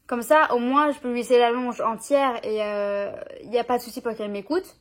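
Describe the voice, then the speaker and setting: A woman's voice: a little high, steady tone, moderate pace. Chatty young French-speaking woman vlogger. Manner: chatty, informal, slangy, frequent fillers. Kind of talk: casual chat. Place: at home with her dog.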